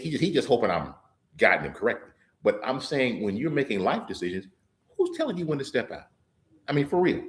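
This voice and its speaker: Man, sermon, lively swooping pitch, emphatic, folksy, restarts words. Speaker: lay preacher and trial lawyer. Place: church service.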